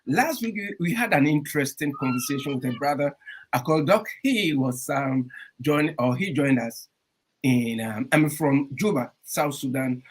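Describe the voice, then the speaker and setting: A man hosting a radio talk show in a casual, animated way, with frequent fillers. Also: on the high side, normal speed, slightly rough. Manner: animated, warm welcomes, frequent um fillers and laughs. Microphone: streamed studio mic.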